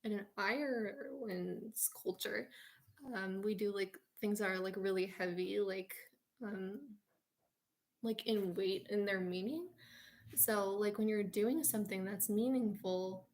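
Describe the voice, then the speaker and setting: A woman's voice: mid-range voice, a little slow, darkish tone. American woman vlogger, drowsy, dreamy, rambling storyteller. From United States. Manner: dreamy, meandering, many fillers and "like". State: sleepy.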